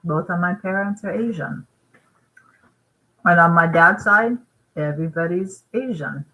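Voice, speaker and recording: Low-voiced woman vlogger from Vietnam. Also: a little slow, pushed and bright, rough recording. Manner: rambling, emphatic, with frequent "right?" asides; eating while talking. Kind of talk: casual talking-head vlog.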